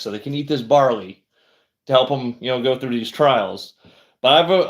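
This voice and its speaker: A man hosting a casual book review livestream, talking in a rambling, conversational way with many fillers and restarts. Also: medium pitch.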